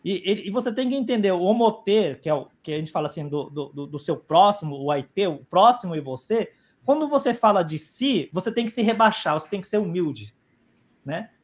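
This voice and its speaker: A man's voice: high voice, lively intonation, brisk. A man speaking as a guest on a live stream, explaining at length and often adding "né?" and restarting his sentences, over a video call microphone. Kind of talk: explanatory talk.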